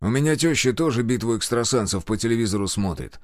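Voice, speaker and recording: Barking police major, gruff and distrustful, voiced by the narrator; dry read. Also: male voice, mid-range voice, expressive, quick pace, a little mellow, no room sound, close to an everyday voice. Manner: barking orders.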